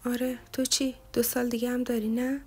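A woman's voice: on the high side, little pitch movement, mellow, husky. Woman reading as a worried young man.

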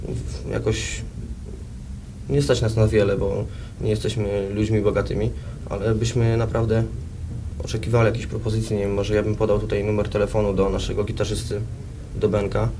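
A man's voice: fairly low pitch, little pitch movement, moderate pace. A young man, a band musician, talking casually and hesitantly as an interview guest, on noisy 1990s TV tape. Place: TV studio.

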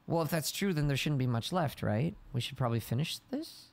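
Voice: medium pitch, expressive, fairly quick, vocal fry, darkish tone. A let's play gamer commenting on a video game, reading the on-screen text aloud and breaking into panicked shrieks and laughter. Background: game music.

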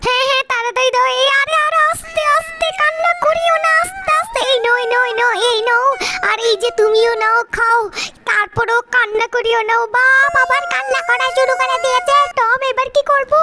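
A woman voicing an excitable little male mouse in a cartoon dub, squeaky and whiny. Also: a little fast, very noisy. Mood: fussing.

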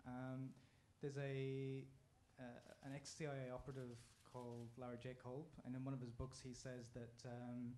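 Brief: man, audience questioner, halting and filler-heavy, faint hiss behind. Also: mid-range voice, monotone, dark tone. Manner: hesitant, many fillers. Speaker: audience member asking a question. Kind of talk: question from the floor. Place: conference hall.

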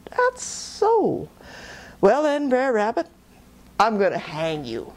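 A woman's voice: a little high, wildly swooping pitch, slow pace, heavily acted. A woman voicing a scheming male fox villain in a storybook tale, gloating over threats.

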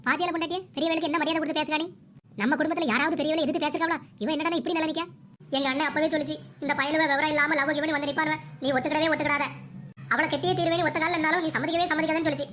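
A woman voicing a bossy, sarcastic older mother-in-law in a cartoon, nagging rapidly. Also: sits high, steady tone, fairly bright tone, a little hiss or hum. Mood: scolding. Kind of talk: cartoon voice acting.

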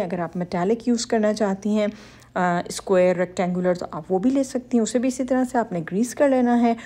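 A woman narrates a baking tutorial over her cooking footage, guiding viewers step by step. Her voice is mellow and warm-toned, sitting at an ordinary middle pitch. She sounds instructive and reassuring throughout. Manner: instructive, reassuring, addresses women viewers directly. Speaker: cooking channel host.

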